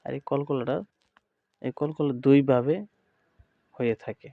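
Slow, deliberate Bangladeshi man teaching. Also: medium pitch, steady tone, narrow, tinny audio. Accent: Bangladeshi Bengali. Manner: slow and deliberate, rhythmically chanting letter sounds and repeating drills. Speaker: Quran recitation teacher. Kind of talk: slow recorded lesson.

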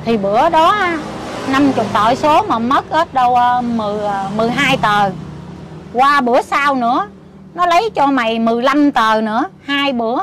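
A woman's voice: high voice, lively intonation, normal speed, fairly bright tone. An older woman with a Southern Vietnamese accent, chatting emphatically and telling her story with exclamations. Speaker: interviewee, lottery ticket seller's mother-in-law. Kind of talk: casual conversation. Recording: street noise behind.

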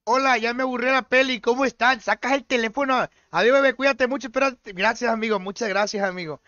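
A man's voice: very high voice, fast, sharp tone, dry recording, highs cut off. A young Mexican man streaming a shooter game, joking and teasing his teammates in slangy banter. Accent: Mexican Spanish. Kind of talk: livestream gaming chat.

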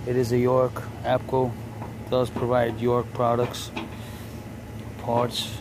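A young man narrates a rooftop repair job into his phone in a casual, foul-mouthed way. His voice sits at an ordinary pitch for a man. Loud air-conditioning hum and street noise fill the space around him. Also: completely flat delivery, takes it slowly. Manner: blunt, profane, joking with his apprentice. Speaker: HVAC technician. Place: outdoors on a building rooftop. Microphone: handheld phone camera. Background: air-conditioning hum and traffic.

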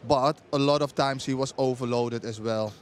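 A middle-aged man debating as a football pundit pitchside, with many restarts and non-native phrasing. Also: steady tone, moderate pace. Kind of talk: studio-style punditry debate. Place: outdoors pitchside at a stadium. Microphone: handheld mic.

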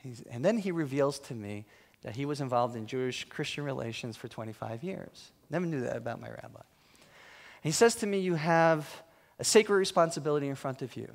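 A guest speaker in a church hall tells funny, self-deprecating stories about his work. His medium-pitched voice is animated, brisk, and a bit creaky in this storytelling talk.

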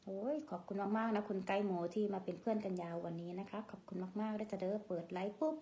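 On her casual live stream, a woman with an Isan accent reads viewers' comments, thanks them, and chats, using her own name in the third person. Her warm, mid-range voice holds a steady tone at a quick pace, with a little hiss or hum in the audio.

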